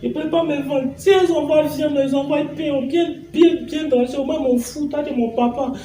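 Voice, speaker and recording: A young woman acting out a pleading daughter in a comedy sketch, with a high but mellow voice. She sounds a little distant from the mic, in an echoey room. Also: steady tone, moderate pace, a little hiss or hum, close to an everyday voice. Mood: indignant. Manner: pleading, complaining. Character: pleading young daughter asking her father for money.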